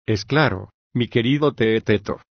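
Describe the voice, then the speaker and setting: Male reader as a questioning philosopher, audiobook, mid-pitched, unhurried. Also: no echo, lo-fi sound. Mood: probing.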